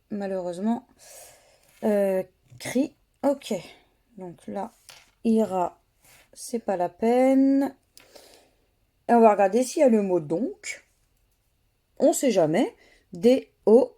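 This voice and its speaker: A woman giving slow, methodical running commentary as she scratches lottery tickets, spelling out letters one by one. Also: on the high side, dark tone.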